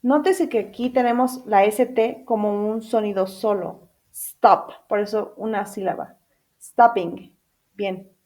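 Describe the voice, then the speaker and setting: A woman's voice: mid-range voice, a little slow, warm tone. A woman teaching an English grammar lesson in two languages, spelling out letters, repeating each example and checking in with her class through questions.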